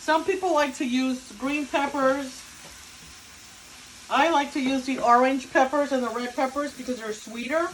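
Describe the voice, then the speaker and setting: A woman's voice: sits high, fairly even intonation, moderate pace, slight background noise, rough recording. A woman with a Cuban accent giving a casual home cooking demonstration in her kitchen. She talks viewers through each step and jokes with the person filming. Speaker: home cook demonstrating a recipe.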